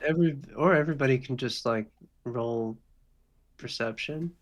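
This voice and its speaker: A man running a tabletop session in an easy, unhurried voice. He describes the scene casually and loosely, at a middle pitch. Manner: laid-back, loose narration. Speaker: game master. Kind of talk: narrating a tabletop game.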